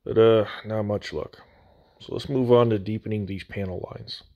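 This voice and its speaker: A man's voice: fairly low pitch, steady tone, normal speed, muffled recording. A man narrating a hands-on hobby tutorial in a casual, folksy, plain-spoken way, recorded on a slightly echoey phone mic. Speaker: host of a scale model building channel. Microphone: phone microphone.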